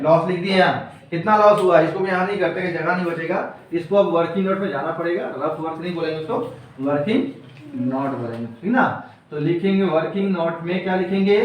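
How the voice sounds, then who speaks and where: High-voiced male teacher in echoey classroom. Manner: quizzes students, repeats answers back. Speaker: commerce teacher. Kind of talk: classroom lecture. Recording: echoey room, mic far off.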